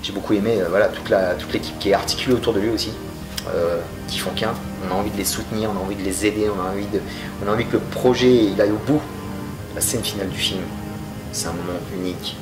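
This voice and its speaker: A man with a low voice reviews a film in a loose, slangy way, cracking jokes as he goes. His delivery stays chatty and informal. Music plays clearly under his voice throughout. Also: steady tone, fast, poor audio.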